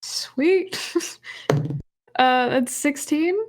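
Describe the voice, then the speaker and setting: A woman's voice: high voice, very slow. A woman playing in a tabletop game, asking light, unsure questions and giggling often. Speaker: player.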